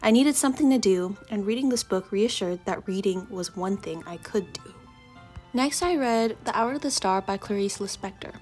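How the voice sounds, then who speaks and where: A woman's voice: mid-range voice, lively intonation, moderate pace, darkish tone, soft background music. A young woman with a stuffy, congested voice from allergies, chatting earnestly through a casual book review vlog. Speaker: book vlogger.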